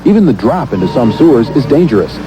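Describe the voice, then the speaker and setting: A man reporting for TV news in measured, dramatic scripted narration. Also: mid-range voice, big pitch swings, music in the background.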